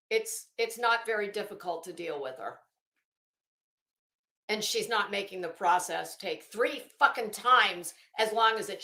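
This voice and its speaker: In an echoey room, a woman with a fairly high-pitched, sharp-toned voice reads through a legal document as a channel host. She offers casual, rambling remarks along the way, and her manner is blunt, sarcastic, and full of swearing.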